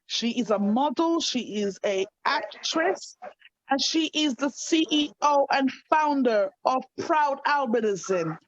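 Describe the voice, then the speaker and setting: A woman's voice: sits high, expressive, slow. A woman in her thirties hosting an online interview show, enthusiastic and affirming. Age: 30s. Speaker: host. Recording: dry, slightly dull sound.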